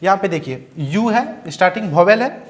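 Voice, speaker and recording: Male teacher, slightly high voice, young adult, grammar lesson, slow spelled-out words, asks and answers his own questions. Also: animated. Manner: repetitive, asks questions then answers them; spells and sounds out words slowly. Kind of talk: Hindi-medium English grammar lesson.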